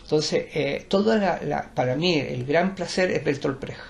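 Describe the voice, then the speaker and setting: An older man with a Chilean accent, who works as a teacher and performer, speaks in a slightly high, gravelly voice at a measured pace. He lectures and digresses through a rambling conversational interview, restarting often, with slight noise in the background.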